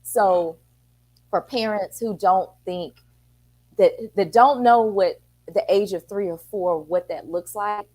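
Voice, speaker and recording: A woman's voice: medium pitch, takes it slowly, dark tone. A middle-aged woman, a city council member and parent, talking earnestly on a talk show and acting out the exchanges she quotes. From Texas.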